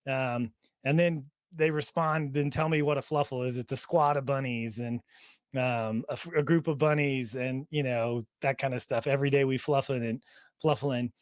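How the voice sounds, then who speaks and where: A male podcast host with a medium-pitched, fairly even voice chats casually at a moderate pace on a fan podcast, rambling with plenty of fillers and laughing easily. He tours the audience around an online chat server on screen, and the studio-quality recording has no echo.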